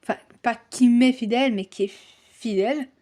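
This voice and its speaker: A woman's voice: on the high side, normal speed, warm tone. A woman talking casually in a chatty, ranting vlog. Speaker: vlogger.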